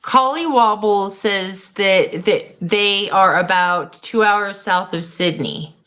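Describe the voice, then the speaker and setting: A woman from Colorado hosts a casual live stream chat, speaking slowly in a bright, forceful, mid-range voice. She is chatty and rambling, often trailing off in the middle of sentences.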